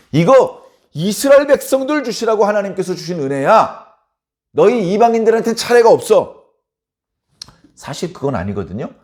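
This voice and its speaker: A man's voice: sits high, a little mellow. A man preaching a dawn sermon as a pastor, telling the story dramatically and acting out the people in it. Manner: dramatic, acts out biblical characters in voices.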